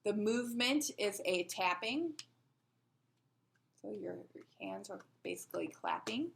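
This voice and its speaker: A woman's voice: medium pitch, very animated, unhurried, vocal fry. A woman teaching a sign language lesson, patiently explaining and asking rhetorical questions as she demonstrates.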